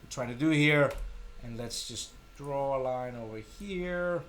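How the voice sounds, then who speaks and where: A middle-aged Danish man with a Danish accent hosts a casual live software tutorial stream. With a mid-range voice and an unhurried pace, he thinks aloud in an informal, self-deprecating way.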